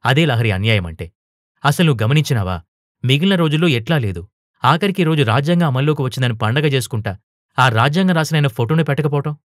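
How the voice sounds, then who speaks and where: A man's voice: medium pitch, animated, quick pace, no room sound, studio quality, voice pushed up, lightly acted. A man voicing an outspoken young woman teacher in an audio storybook, earnest and turning heated. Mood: indignant. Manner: earnest, rising to heated protest.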